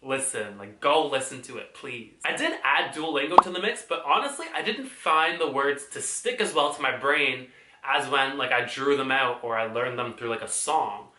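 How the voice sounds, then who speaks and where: A man's voice: medium pitch, animated, normal speed, bright, forceful tone, reverberant, a little hiss or hum. A man talking casually in a vlog, chatty and playful, with exaggerated outbursts. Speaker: vlogger.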